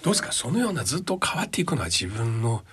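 A man's voice: medium pitch, big pitch swings, very fast, crowd noise. A man hosting a radio interview, asking short curious questions and prompting his guest. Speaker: host. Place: radio studio.

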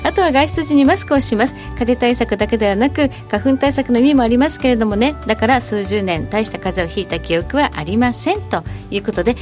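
A woman's voice: fairly high pitch, fast talker, few pauses, darkish tone, faint music behind. A woman co-hosting a radio show, reading listener mail and making announcements. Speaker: radio co-host. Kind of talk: casual radio chat.

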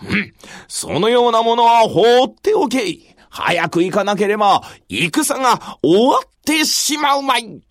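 A storyteller voicing a bold, impatient male warlord with a gruff, commanding manner in a traditional telling. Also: medium pitch, expressive, a little slow, dry recording, clean studio sound, close to an everyday voice. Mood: brusque.

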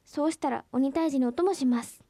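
A polite storybook dog, as a woman narrator puts it on, asking sweetly for a favor. The voice is high and mellow, in a long reverb. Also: fairly quick. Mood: pleading. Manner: polite pleading. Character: polite begging dog companion.

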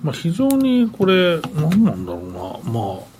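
A man's voice: high-pitched, wildly swooping pitch, normal speed, darkish tone, a little hiss or hum. A man, a regular commentator on a radio market show, rambling casually with many fillers.

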